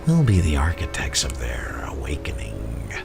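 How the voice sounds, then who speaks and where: A man playing the Joker as a theatrical, menacing madman, philosophizing in a gravelly, often whispered ASMR roleplay delivery. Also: a bass voice, wildly swooping pitch, heavily acted. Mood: conspiratorial, sinister. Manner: theatrical, drawn-out, conspiratorial. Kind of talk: ASMR roleplay villain monologue. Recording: music playing behind the voice.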